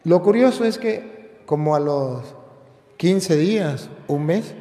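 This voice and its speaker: Priest guy preaching hard, repeats himself for punch, pretty high voice. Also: lively intonation, slow, dark tone. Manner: emphatic preaching with repeated phrases. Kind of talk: fiery sermon. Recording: echoey hall with long reverb.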